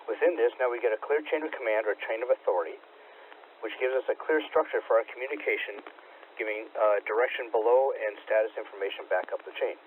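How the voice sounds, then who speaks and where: A man running a radio training net, giving steady, procedural instructions over an amateur radio transmission with static. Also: medium pitch, fast. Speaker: net control operator. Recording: tinny radio receiver, faint static.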